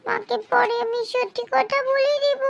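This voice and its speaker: A woman's voice: very high-pitched, steady tone, normal speed, gravelly, a little hiss or hum, heavily acted. Woman doing a whiny scared cartoon boy. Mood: worried. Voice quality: whiny, pleading. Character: naughty little boy, scared of his mother. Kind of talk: cartoon dubbing.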